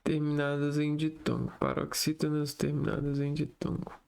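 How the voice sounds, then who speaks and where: A man working through exam exercises aloud, slowly reading out words one by one and thinking aloud. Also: on the high side, monotone, vocal fry, a little mellow. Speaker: exam tutor.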